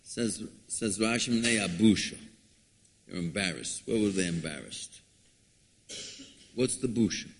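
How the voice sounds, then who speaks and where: A man's voice: lowish voice, unhurried, pauses often, a little hiss or hum. A man gives a religious lecture like a rabbi, dramatic and emphatic, posing rhetorical questions and repeating himself. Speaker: rabbi giving a Torah lecture. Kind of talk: sermon, expounding scripture. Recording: echoey hall with long reverb.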